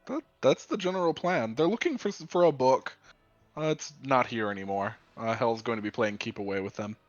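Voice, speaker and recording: A man's voice: mid-range voice, fairly quick, no room sound, muffled recording, natural voice. A man playing a sly, nonchalant fixer in a tabletop game, with a casual, teasing and evasive way of talking. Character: sly, nonchalant male fixer Elijah Dumont. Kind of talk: tabletop role-play.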